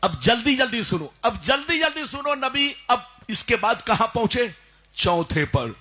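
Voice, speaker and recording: A male Islamic preacher giving a sermon at a live religious gathering. He keeps calling on the crowd to answer loudly and slips into a sung chant on some phrases. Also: very high-pitched, big pitch swings, measured pace.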